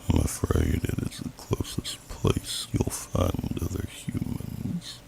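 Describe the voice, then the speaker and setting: Here a man gives a full character voice to an enormous, kindly elderly dragon for an ASMR roleplay, half-whispering in a deep, gravelly tone. He talks slowly, in a courtly, antiquated manner, and the mood stays calm. The noisy amateur home mic is audible.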